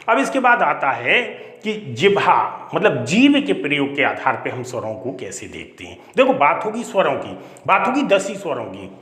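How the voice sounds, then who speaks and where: A man's voice: on the high side, a bit bright. Man teaching in an echoey room. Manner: explanatory, repeats key points, asks and answers own questions. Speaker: Hindi teacher. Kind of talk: classroom grammar lecture.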